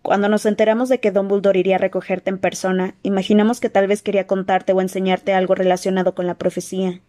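Una mujer que lee un audiolibro y da voz a un muchacho mago franco y entusiasta. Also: female voice, medium pitch, level tone, fast talker, warm tone, lightly acted. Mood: eager. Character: teenage wizard boy, blunt and amused. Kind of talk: audiobook character voice.

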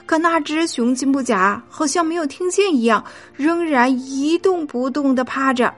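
A woman narrating a children's story in a lively, expressive way. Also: sits high.

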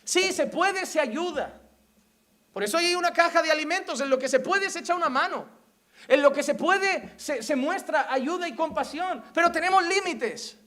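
A man with a Spain Spanish accent preaching a sermon as pastor, emphatic and animated, full of rhetorical questions. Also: extremely high pitch, moderate pace.

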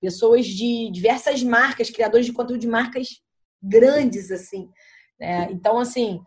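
A woman guest on a podcast, telling stories in an animated, chatty way and swearing now and then. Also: on the high side, unhurried. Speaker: podcast guest, content creator. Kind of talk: casual chat.

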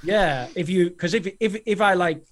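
A man's voice: sits high, normal speed. A man co-hosting a podcast, asking long, meandering questions with many restarts. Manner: rambling, hesitant, many fillers and restarts. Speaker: podcast co-host. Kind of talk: interview questions, casual chat.

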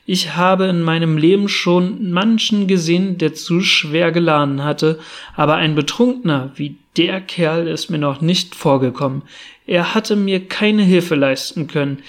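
A plodding, good-natured police constable, gruff and somewhat dismissive, as a man reads him. The voice is slightly high for a man, delivered as an audiobook character reading. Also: a little slow. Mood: telling.

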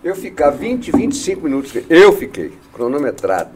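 A man's voice: fairly high pitch, big pitch swings, moderate pace, a little mellow, breathy edge. A Brazilian man hosting a talk show, talkative and opinionated, firing rhetorical questions at his guests. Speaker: radio show host. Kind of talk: casual chat.

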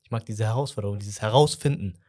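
A man hosting a casual podcast conversation, talking in a relaxed, reflective way. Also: on the low side, fast talker. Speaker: podcast host.

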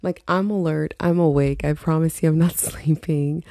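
A young woman hosts her casual solo podcast with a low, husky morning voice, sounding congested and stuffy. She rambles, laughs often and pokes fun at herself, her mellow, fairly even voice moving at a moderate pace in a dry, clean studio recording.

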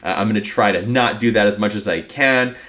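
A man's voice: on the low side, fairly quick, a bit bright. A man hosting a podcast solo in a casual, upbeat, conversational way, his voice affected by a cold. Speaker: podcast host.

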